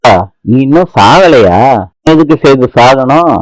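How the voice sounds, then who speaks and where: A man voicing a teasing, boastful old grandmother in a serial scene, playful and scolding in manner, with a dry close sound and a medium pitch. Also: lively intonation, measured pace, no echo, natural voice, low-quality recording.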